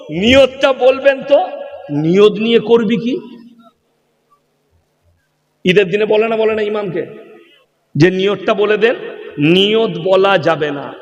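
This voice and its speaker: High-voiced preacher with a Bengali accent. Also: male voice, a bit bright, big-room sound. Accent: West Bengal (Bardhaman). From West Bengal, India. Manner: mocking, fires rhetorical questions at the crowd. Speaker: Islamic preacher. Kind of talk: humorous sermon.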